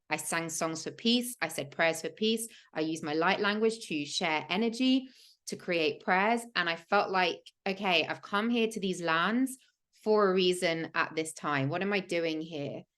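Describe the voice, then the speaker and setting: On a livestream, this spiritual podcast host from England recounts a personal story in an emphatic, earnest manner, using "like" as a frequent filler. Her voice is on the low side and fairly bright.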